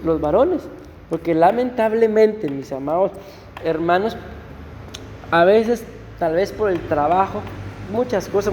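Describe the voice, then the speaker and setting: A male pastor giving a conversational sermon to his congregation, often slowing down to read verses aloud. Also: high voice, warm tone, long reverb tail, a little hiss or hum. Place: church.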